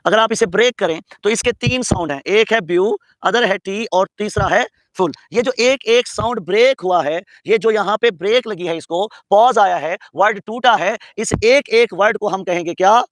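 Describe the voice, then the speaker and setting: Man from pakistan teaching grammar, high voice, slow and careful, asks then answers himself, dry close sound. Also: no echo, poor audio. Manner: asks students questions and answers them himself; says English terms slowly and carefully. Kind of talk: classroom lecture mixing English and Urdu.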